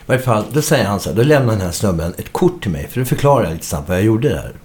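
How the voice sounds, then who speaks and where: Middle-aged guy spinning a story, kinda low voice, acts out the quotes, swears casually. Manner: animated anecdote-telling, acting out quoted dialogue, casual swearing. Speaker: musician guest.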